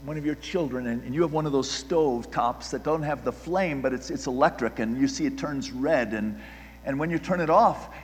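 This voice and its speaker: A male pastor preaching a sermon with animated delivery, swinging between loud emphasis and hushed, quiet lines, often restarting and repeating words. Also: mid-range voice, normal speed, long reverb tail, slight background noise.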